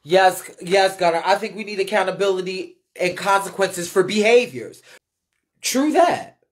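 In a medium-pitched, expressive voice at a measured pace, the American ballroom scene commentator rants bluntly on her live stream. She responds to viewer comments without a script, emphatic, swearing heavily and repeating herself.

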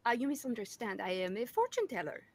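A woman's voice: a little high, sing-song, fast. A woman playing a demure fortune teller in tabletop role-play, speaking formally and hesitantly with polite apology. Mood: polite, flustered.

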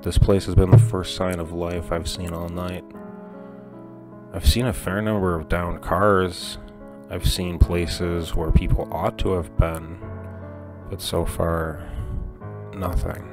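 A man's voice: low-pitched, level tone, slow pace, music in the background. A man voicing a shaken male survivor who speaks with a trembling, subdued voice. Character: shaken man fleeing a deadly storm.

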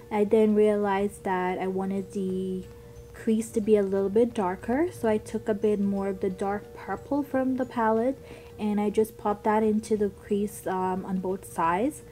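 Here a young beauty vlogger with a childlike voice walks through her makeup tutorial, keeping it chatty and upbeat with ums as she discusses products. Her voice sits mid-range with a darkish tone.

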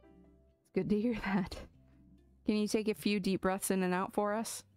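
A woman's voice: mid-range voice, flat delivery, darkish tone, clean tone, faint music behind, lightly acted. Woman voicing a pompous pigeon doctor. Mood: formal. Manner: formal, measured bedside manner. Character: pompous pigeon doctor, formal and self-satisfied.

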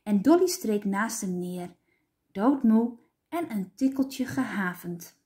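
Woman teacher, storybook read-aloud, slow, lively melody. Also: medium pitch. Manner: clear, expressive storytelling. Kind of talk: children's storybook reading.

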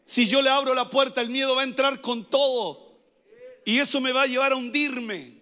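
A man preaching as a pastor, emphatic, repeating his phrases and rising at times to shouted pleas. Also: extremely high pitch, moderate pace, long reverb tail. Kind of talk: sermon.

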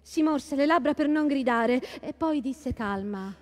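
Casting: female reader, fairly high voice, measured storytelling. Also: expressive, darkish tone. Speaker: stage reader. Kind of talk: staged literary reading.

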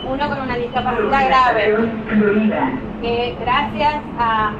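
A woman's voice: fairly high pitch, fairly even intonation, slow pace, distant mic. Woman pleading in a noisy train car. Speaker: passenger making a plea. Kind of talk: public appeal on a train. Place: subway car. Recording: dull, echoey, noisy train.

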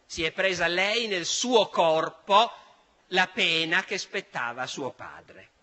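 An older historian from Italy tells a story to a hall, animated and emphatic. His voice sits high and rings sharp and bright. Long reverb from a large hall trails every phrase. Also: takes it slowly. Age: 60s. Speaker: historian lecturer. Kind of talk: public history lecture.

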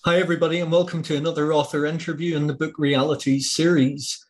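Australian man hosting interviews, slightly high voice. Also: level tone, fast talker. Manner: friendly, asks questions in long run-on sentences. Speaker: interview host. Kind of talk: casual interview. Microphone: video call webcam.

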